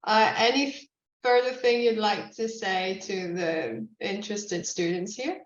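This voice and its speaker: A woman hosting and moderating a panel on a video call, brisk with friendly prompts. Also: mid-range voice. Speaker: event host. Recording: distant, echoey, muffled, with faint noise.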